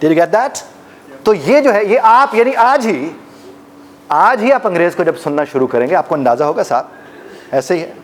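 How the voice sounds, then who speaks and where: A man's voice: high voice, very animated, moderate pace, pauses often. A man teaching a live workshop audience, demonstrating pronunciations and joking with the room. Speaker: life coach and trainer.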